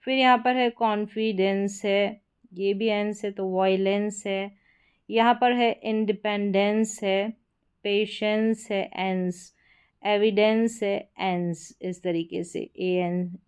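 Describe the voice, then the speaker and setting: A woman's voice: medium pitch, darkish tone, smooth. A woman teaching English spelling in Hindi, patiently repeating each example word aloud. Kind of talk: spelling lesson explanation.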